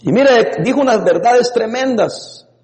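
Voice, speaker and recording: High-voiced pastor preaching in a hall. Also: male voice, unhurried. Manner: lively preaching with laughs and sudden shouts. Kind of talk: sermon. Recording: long reverb in a hall.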